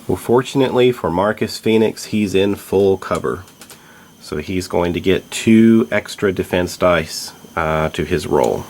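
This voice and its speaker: A man hosting a tabletop board game playthrough, explaining the rules and thinking aloud about each move in a measured way. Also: low-pitched, slight background noise. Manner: measured, thinks aloud while checking moves.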